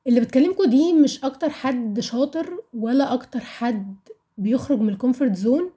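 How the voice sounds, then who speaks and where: Young Egyptian woman, mellow higher-pitched voice. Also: fast. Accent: Egyptian Arabic. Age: around 20. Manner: candid, conversational, asks rhetorical questions and answers them. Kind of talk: casual personal storytelling and reflection to listeners.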